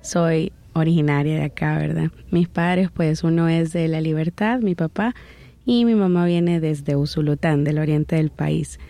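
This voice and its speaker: A woman in her thirties with a Salvadoran accent, a guest telling her life story in an interview in a reflective, unhurried way. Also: low voice, steady tone, warm tone, no echo. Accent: Salvadoran Spanish. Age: 30s.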